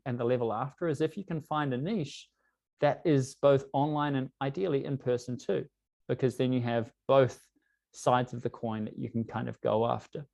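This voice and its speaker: With a darkish, mid-range voice and a New Zealand English accent, this London-based man from New Zealand runs an online business workshop, keeping it conversational and frequently saying "you know."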